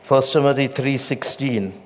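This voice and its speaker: A middle-aged man preaching a sermon as pastor, with emphatic loud peaks and hushed drops. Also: mid-range voice, measured pace. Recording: long reverb of a large hall.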